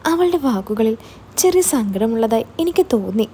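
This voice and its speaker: A woman narrating a first-person story in a calm, steady way. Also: on the high side, moderate pace, slight background noise.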